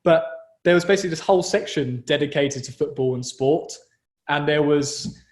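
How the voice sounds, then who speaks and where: Young man, southern English British accent, slightly high voice, chatty and slangy, podcast co-host, roomy echo. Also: normal speed. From southern England. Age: young adult. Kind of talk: casual football chat. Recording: roomy, echoey sound.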